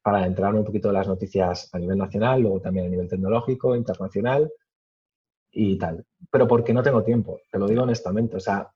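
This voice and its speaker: A man answering interview questions casually, with many fillers and pauses. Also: lowish voice, steady tone, slightly rough, muffled recording. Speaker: podcast guest.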